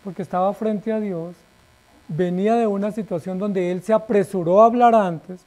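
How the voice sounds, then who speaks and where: A male pastor preaching a sermon emphatically, asking rhetorical questions and letting his phrase endings fall quiet. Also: high-pitched, fairly even intonation, normal speed.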